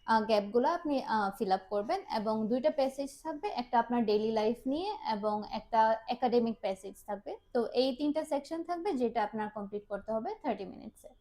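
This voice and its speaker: A woman's voice: on the high side, lively intonation, brisk, few pauses, dark tone. A woman, a business development manager, explaining a test's format in an interview. She speaks mixed with English phrases, with many "ah" fillers.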